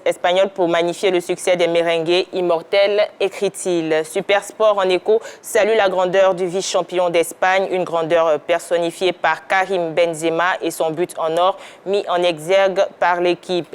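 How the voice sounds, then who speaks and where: Woman reading a press review, smooth and low. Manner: measured, reading headlines.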